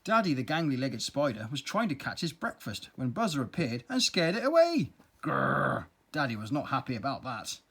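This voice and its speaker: A storyteller reading a children's story aloud in a playful, expressive way. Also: mid-range voice, a little fast, few pauses, slightly rough.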